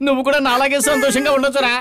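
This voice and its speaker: A man's voice: very high voice, level tone, rapid-fire, crowd noise. An actor playing an exasperated, short-tempered psychiatrist who scolds his patient on the phone. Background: film score music.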